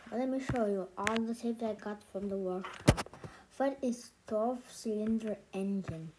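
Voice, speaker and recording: Slow, rambling woman with something in her mouth. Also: mid-range voice, very noisy. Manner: rambling, hesitant, trails off. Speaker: gaming channel host. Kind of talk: casual game showcase commentary.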